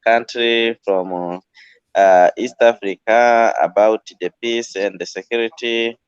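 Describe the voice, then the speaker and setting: Male caller, halting, keeps restarting, low voice, dull lo-fi dry phone sound. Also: fairly even intonation, clean tone, no echo.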